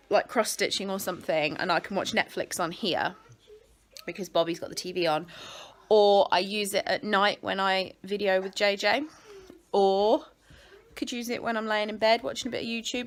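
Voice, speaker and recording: A woman's voice: mid-range voice, moderate pace. A woman chatting casually to her phone camera at home, rambling and breaking off mid-thought. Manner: rambling, chatty, self-interrupting. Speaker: vlogger. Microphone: phone camera clipped on a window ledge.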